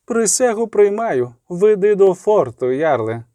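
A man's voice: high voice, sing-song, a little slow, dark tone, no echo, pitched above the performer's own voice. A man voicing a stern, imperious old queen who commands and scolds in a cold, ruling tone.

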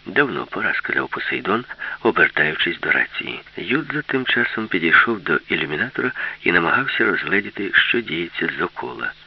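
A man narrating a children's science-fiction story in a steady, even storytelling manner, in a dull lo-fi recording. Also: low-pitched, fairly quick, breathy edge. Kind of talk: storybook reading.

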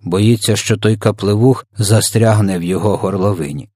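A man voicing a big, kind old giant who talks slowly and mangles his words. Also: on the low side, dark tone, dry recording, clean studio sound, close to an everyday voice. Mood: gentle, stubborn.

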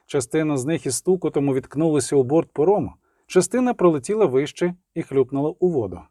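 Male audiobook narrator, mellow dark tone, dry close mic. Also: fairly high pitch, lively intonation, quick pace, no room sound. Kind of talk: scripted narration.

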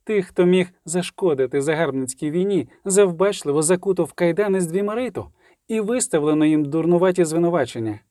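A man's voice: a little high, animated, dark tone, no room sound, studio quality, lightly acted. A man doing a cold, stately elder sorceress. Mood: cool, commanding. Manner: measured, stately, cutting.

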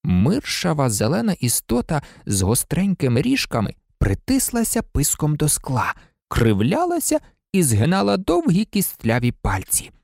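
Guy reading an audiobook, super animated, gravelly, dry close sound. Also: a little high, moderate pace, dry recording. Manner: theatrical, varied. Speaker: audiobook narrator.

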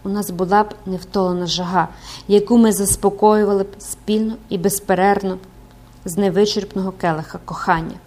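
A woman's voice: mid-range voice, fairly even intonation, brisk, darkish tone, close to an everyday voice. Woman reading as a desperate obsessed priest guy, pleading, all passion and torment, audiobook. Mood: pleading, passionate.

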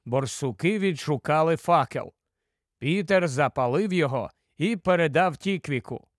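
A man narrating an audiobook in a steady storytelling manner. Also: fairly high pitch, moderate pace, no echo, clean studio sound. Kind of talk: scripted narration.

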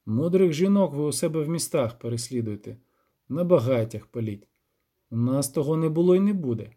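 A man's voice: on the high side, lively intonation, brisk, dark tone. A man voicing a sullen, unfriendly village elder who answers curtly and grumbles. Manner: curt, grumbling.

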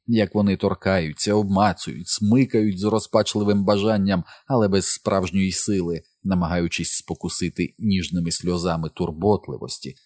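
A man narrating an audiobook in a measured literary reading. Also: lowish voice, a little mellow, no room sound, studio quality.

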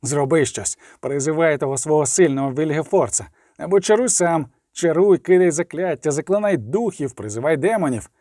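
A man's voice: a little high, lively intonation, normal speed, few pauses, dark tone, dry recording, clean studio sound, lightly acted. A man voicing a harsh, barking mercenary chief. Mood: desperate. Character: hard-bitten male mercenary commander, brutal.

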